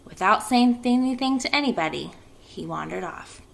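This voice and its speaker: With vocal fry, a medium pitch and a moderate pace, an animated woman addresses children as their elementary school teacher. She alternates between a read-aloud and casual announcements to the class.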